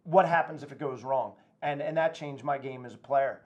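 A man's voice: mid-range voice, moderate pace, lo-fi sound. A man in his forties hosting a sports podcast, asking friendly follow-up questions. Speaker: podcast host. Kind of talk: casual interview chat. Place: studio set with wood backdrop.

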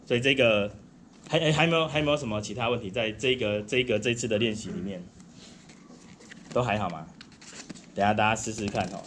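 A man's voice: medium pitch, a little hiss or hum. A man with a Taiwanese Mandarin accent teaching a group saxophone lesson, patient and encouraging, counting the class in. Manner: patient, counts in and sings demonstrations.

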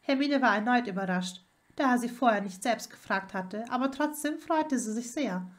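A woman's voice: a little high, lively intonation, moderate pace. A woman narrating a fan fiction story as an audiobook reader.

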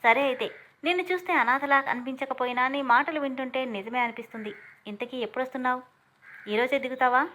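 A woman reading a brisk hostel matron. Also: high voice, sharp tone, slight background noise. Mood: businesslike. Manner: brisk, instructing.

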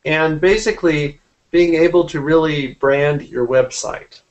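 A graphic artist in his forties casually explains his work in an interview over a video call from a room at home. His voice is on the high side and measured in pace, and the computer mic makes the recording sound muffled.

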